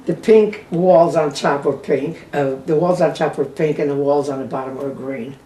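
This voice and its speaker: Casting: elderly female American veteran, halting reminiscence, distant mic. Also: low voice, warm tone. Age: 80s or older. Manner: old veteran recalling memories in short, halting phrases. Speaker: war veteran being interviewed. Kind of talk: unscripted reminiscing. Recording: roomy, distant microphone with faint noise.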